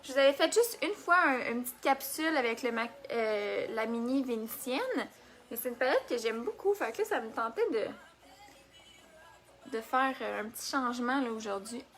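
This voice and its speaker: A woman's voice: fairly high pitch, expressive, moderate pace, fairly bright tone, soft background music. A young woman with a Québécois accent hosting a casual makeup live stream, chatting and answering viewer comments as she works. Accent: Québécois French.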